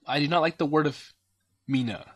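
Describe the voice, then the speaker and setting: A man's voice: fairly high pitch, fairly quick. A man casually commenting on a story game, hesitantly summarizing and paraphrasing the dialogue with many fillers. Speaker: let's play commentator. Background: game music.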